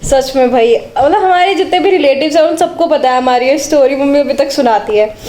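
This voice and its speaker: A woman's voice: high voice, brisk, warm tone. A young woman chatting casually in a home vlog, telling childhood stories and often breaking into giggles. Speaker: vlogger. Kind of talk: casual vlog chat and storytelling. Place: home, kitchen. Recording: echoey room with faint background noise.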